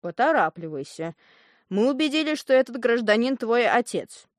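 A woman reading an audiobook plays a scheming male doctor who snaps out orders and talks down to everyone. Her voice stays a touch high, and the recording is close and dry. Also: very animated, normal speed, dry recording. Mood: falsely soothing. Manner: curt and commanding.

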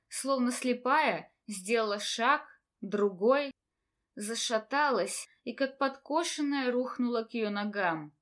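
A woman reading a fantasy novel aloud in steady, even narration. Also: on the high side. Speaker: audiobook narrator. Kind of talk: scripted narration.

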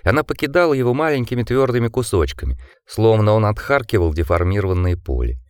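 A man narrating an audiobook in an expressive reading style. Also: lowish voice, fast talker, smooth, dry recording, clean studio sound. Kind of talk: scripted narration.

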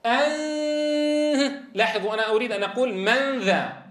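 A man's voice: high-pitched, lively intonation, brisk, fairly bright tone. A man teaching Quran recitation in a classroom. He explains step by step, asks the class questions and draws out sounds to demonstrate them. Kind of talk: classroom tajweed lecture. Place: classroom with a board. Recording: echoey classroom.

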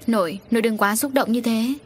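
A woman's voice: a little high, fairly quick, a little hiss or hum, voice pushed up, close to an everyday voice. A woman voicing an anxious, caring younger sister, close to tears, in an audio story. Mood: pleading. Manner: pleading, anxious.

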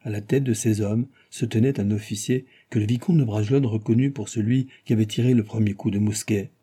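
A man reading a novel aloud as scripted narration, lively and raising his voice for shouted lines. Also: fairly low pitch, fairly quick, slightly rough. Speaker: audiobook reader.

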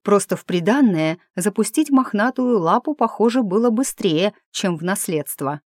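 A woman's voice: mid-range voice, lively intonation, normal speed, no echo, clean studio sound. A woman narrating a first-person audiobook in a wry, ironic manner.

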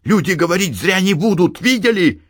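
Male reader putting on an older peasant mother, high-pitched, lively scolding, dry close sound. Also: normal speed, dry recording. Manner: scolding, shouting reproaches. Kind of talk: audiobook reading.

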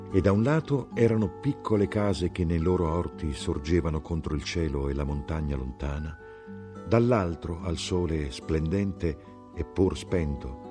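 A man giving a measured, expressive literary reading of a novel. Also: low-pitched. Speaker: audiobook reader. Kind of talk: scripted literary narration.

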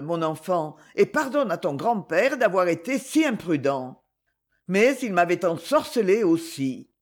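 A man with a husky voice voicing a gentle elderly grandfather who speaks tenderly and with agitation. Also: high voice, heavily acted.

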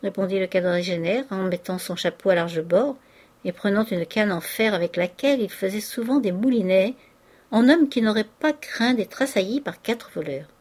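A woman reads a classic novel aloud as an audiobook narrator. Her narration is measured and even, with a mid-pitched voice.

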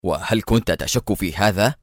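A boastful, tense male criminal agent with a low, lively voice, read by a man for an audiobook thriller. He snaps his words out sharply. The sound is close and dry. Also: a little fast, no echo. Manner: sharp and agitated.

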